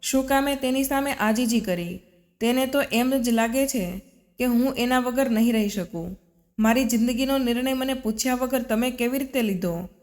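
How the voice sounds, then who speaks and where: Lady doing a stubborn young wife in a storybook, sharp and indignant, kinda high, echoey. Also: moderate pace, close to an everyday voice. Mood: furious. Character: headstrong young wife, angry and proud. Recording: long reverb.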